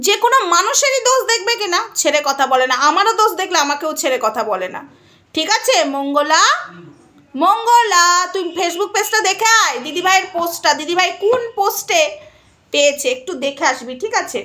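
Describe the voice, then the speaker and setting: High, bright-voiced scolding woman. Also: sing-song, a little fast. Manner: scolding, taunting, rhetorical questions. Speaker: social media vlogger. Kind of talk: angry callout vlog addressed to a rival.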